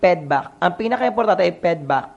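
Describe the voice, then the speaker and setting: A man's voice: high-pitched, animated, normal speed, gravelly, dull audio. A man with a Filipino accent reviewing a Filipino grammar exam as a teacher, asking questions and answering them himself, mixing in English words.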